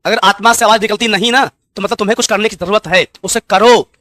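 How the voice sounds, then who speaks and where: A man's voice: high voice, steady tone, fast, sharp tone, no room sound, studio quality. A man who teaches exam aspirants, giving a fervent motivational speech full of rhetorical questions, repeated commands and rhyming proverbs.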